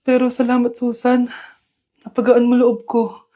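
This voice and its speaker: A woman playing a tired, gentle single father who speaks softly and heavily. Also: a little high, completely flat delivery, measured pace, voice pushed down, close to an everyday voice. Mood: weary.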